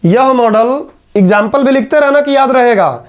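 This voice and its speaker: A man's voice: extremely high pitch, expressive. A male teacher, dictating lecture notes point by point and repeating each line for students to write. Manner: repetitive, dictates points slowly then explains in quick asides.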